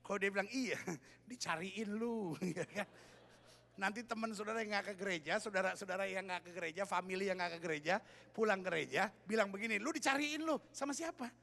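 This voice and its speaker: A man preaching a lively, joking sermon as pastor in a large church, acting out quoted voices. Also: sits high, fairly quick, creaky.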